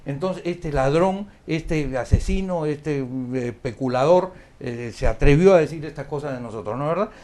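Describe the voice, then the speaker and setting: A lawyer, a man, telling the story of a past case in an animated way, often restarting his sentences as a guest on a talk show. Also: on the high side, moderate pace, few pauses. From Peru. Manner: animated, recounting events with many restarts. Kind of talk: conversational storytelling interview. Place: studio of a live-streamed talk show.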